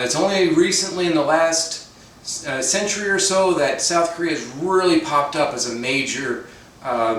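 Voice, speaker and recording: A man talking through a home cooking vlog, slightly high-pitched, with dry, self-mocking humor. He sounds a little away from the mic in a very echoey kitchen, with faint noise underneath. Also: a bit bright, far from the mic. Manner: dry self-deprecating humor, chatty asides. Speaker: cooking channel host.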